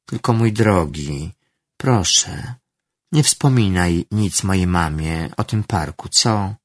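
A man's voice: low voice, animated, takes it slowly, dry recording, clean studio sound, heavily acted. A man voicing a sly teenage girl in a read-aloud story, coaxing in a honeyed, superior way. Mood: wheedling. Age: about 13. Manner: condescending, then sweetly wheedling.

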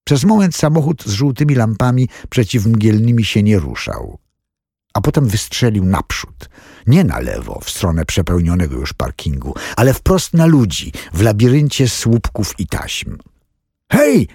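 A man reading a thriller audiobook as scripted narration, telling the story dramatically in a husky voice. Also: sing-song, normal speed, warm tone, no echo, studio quality. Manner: dramatic storytelling with wide swings in pitch.

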